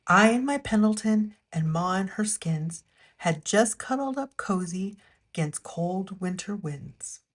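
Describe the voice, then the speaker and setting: In storyteller mode, a woman works through a rhyming picture book aloud, her delivery expressive and measured, her pitch medium.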